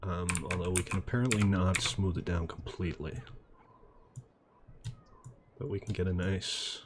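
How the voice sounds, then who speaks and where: A man's voice: deep voice, fairly even intonation, moderate pace, background noise. A man giving easygoing let's-play commentary and thinking aloud as he builds. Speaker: game commentator. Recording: mouse and keyboard clicks audible. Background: computer clicking and typing.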